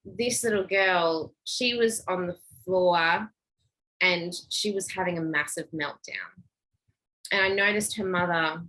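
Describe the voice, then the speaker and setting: A middle-aged parenting and emotional intelligence speaker gives a casual, conversational teaching talk, chatting freely and acting out little dialogues in a lifted voice. Her voice is lowish with a sharp tone, in a rough recording.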